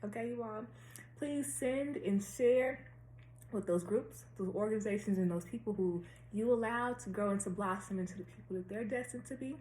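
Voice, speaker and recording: An American woman hosts a casual spiritual chat in a roomy, echoey space with faint noise behind her. Her speech is slightly lisped from wearing a dental retainer. She talks in a deliberate way, repeating phrases for emphasis at a medium pitch. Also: a little mellow. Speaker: tarot reader and astrologer hosting a weekly series.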